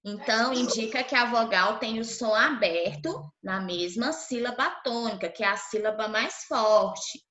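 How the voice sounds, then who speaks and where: A woman's voice: a little high, a little slow, hardly any pauses, bright, forceful tone. A Brazilian woman teacher giving an online class to young children, patiently sounding out syllables and checking in often. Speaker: primary school teacher. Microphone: video call. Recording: roomy, dull lo-fi call audio.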